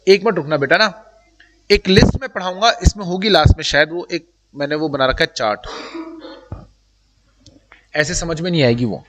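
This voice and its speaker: A male teacher with a notably high voice, lecturing to a room of students. He talks to them directly and chattily, dropping English terms into his speech. The room rings with a long, lingering reverb. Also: moderate pace, pauses often, fairly bright tone, a little hiss or hum. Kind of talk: live classroom lecture. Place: classroom with students.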